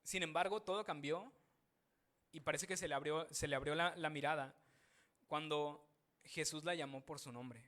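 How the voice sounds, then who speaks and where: A man's voice: a little high, moderate pace, long pauses, fairly bright tone. A man preaching a sermon, reading scripture aloud and then explaining it with questions to his listeners. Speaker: pastor.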